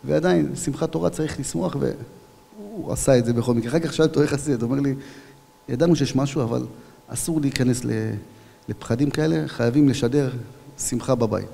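A young man, a police officer, giving a personal testimony at a public event, telling his story with animation and acting out shouted dialogue. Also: mid-range voice, creaky, breathy edge, long reverb tail. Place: event hall.

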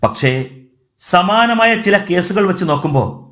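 Man playing a calm, kindly senior doctor. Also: high-pitched. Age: 50s. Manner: calm, gentle and measured. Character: calm kindly male senior doctor, about fifty-five.

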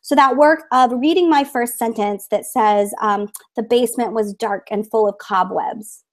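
This teacher addresses fellow educators over a video call with screen share, explaining her methods in a friendly manner with lots of fillers. Her voice is fairly high and her pace normal.

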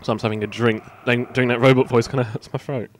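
A man giving casual, chatty gameplay commentary, getting excited and swearing now and then. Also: mid-range voice, fast talker, a little hiss or hum. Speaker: let's play commentator.

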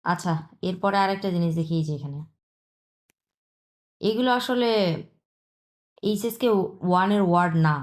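A woman with a Bangladeshi accent teaching a language lesson, patiently repeating points and drawing out example sounds slowly. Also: mid-range voice. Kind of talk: explanatory lesson.

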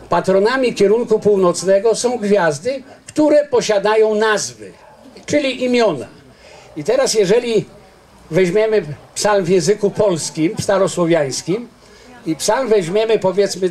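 Older male lecturer, high-pitched, earnest and digressive, handheld mic outdoors. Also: a little mellow. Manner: earnest, digressive explaining with frequent restarts. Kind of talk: informal public lecture. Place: outdoors under a garden tent. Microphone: handheld microphone.

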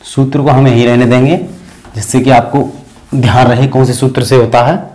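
A man's voice: mid-range voice, level tone, rough recording. Patient man explaining grammar rules. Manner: patient, breaks terms into parts, many fillers and "thik hai"; chants sutras slowly and softly. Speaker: Sanskrit grammar teacher. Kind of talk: explanatory lesson.

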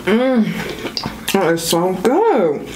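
A woman's voice: medium pitch, big pitch swings, extremely slow, background noise. A woman talking to viewers while chewing with her mouth full. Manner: chatty, addresses viewers as y'all. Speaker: mukbang host. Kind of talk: casual eating-show chat to viewers.

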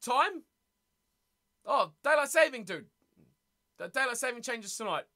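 Casual New Zealand male streamer, lively up-and-down delivery, joking with chat. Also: very high voice, unhurried. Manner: chatty, teasing, laughs often. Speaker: streamer hosting a rugby watch party. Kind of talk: casual live-stream chat, reading chat aloud.

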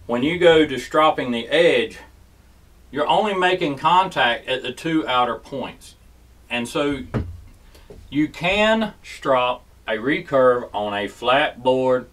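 A folksy man walks through a casual how-to demonstration and keeps checking in with "okay?". His voice sits at an everyday middle pitch. He is recorded from a little way off the mic. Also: a bit bright, recorded from a distance, poor audio. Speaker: host. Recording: voice set back from the mic.

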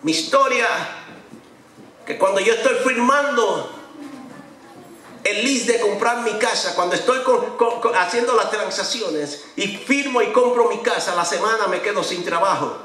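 A middle-aged pastor, preaching an animated sermon in a church. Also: male voice, high voice, moderate pace, a little hiss or hum. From Dominican Republic. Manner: animated preaching, acts out conversations with changing voices. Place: large church sanctuary. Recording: echoey church hall, voice from far off.

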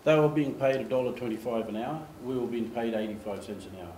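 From a lectern in a meeting room, an older Australian man delivers a lively storytelling talk with slides in a quick, mid-range voice. He gestures freely and acts out quoted voices. The recording from a distant camera sounds echoey, with faint ambience and slight background noise.

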